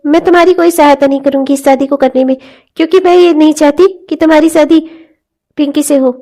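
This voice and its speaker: A woman's voice: high-pitched, fairly even intonation, fast, dark tone. A woman voicing a stubborn, resentful young wife in a cartoon family drama, speaking in curt refusals. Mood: cold.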